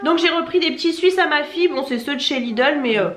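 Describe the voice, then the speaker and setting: Her voice high and fairly bright, a young Marseille-accented family vlogger talks fast to camera as she unboxes, wandering off track and correcting herself. Faint noise and echo fill the room.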